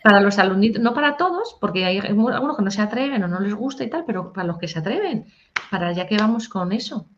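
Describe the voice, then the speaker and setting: A woman, a singer-songwriter and music teacher talking casually in an interview, animated and chatty. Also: medium pitch, fast, noisy background. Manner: animated, sings short improvised snippets. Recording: dull lo-fi audio.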